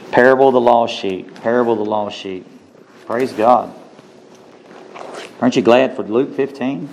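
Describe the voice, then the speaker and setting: Animated preacher man with emphatic rises. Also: slight background noise. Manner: animated, rising to high emphatic peaks, stretching key words slowly; laughs between points. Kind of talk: sermon.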